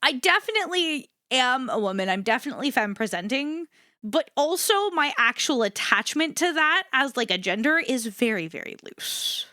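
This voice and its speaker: A livestreamer chats with her viewers in a high, very animated voice that's a little rough at the edges and swings between low and high registers. At normal speed she rambles candidly, swears freely, and keeps circling back to repeat her points. The recording is close and dry.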